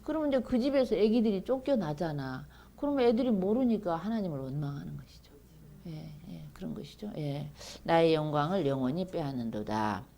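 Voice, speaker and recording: A woman's voice: mid-range voice, animated, fairly quick, creaky, mellow. A middle-aged woman giving a seminary bible lecture, chatting with students and reading scripture aloud with emphasis.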